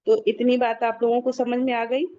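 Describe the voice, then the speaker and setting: A woman's voice: a little high, monotone, dark tone. A woman teaching an online recitation class, patiently repeating key points for her students to memorize over a video call. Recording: dull lo-fi online call audio.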